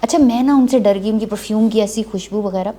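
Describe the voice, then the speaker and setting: A woman's voice: medium pitch, warm tone. A woman from Kashmir, a guest on a talk show and a former drama maker, telling chatty anecdotes. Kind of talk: casual talk show conversation.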